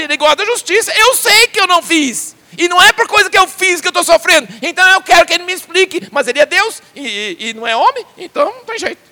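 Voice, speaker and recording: A man voicing Job, a suffering man crying out bitterly and pleading for an answer, in a high strained voice. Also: sharp tone, in a large hall, full character voice.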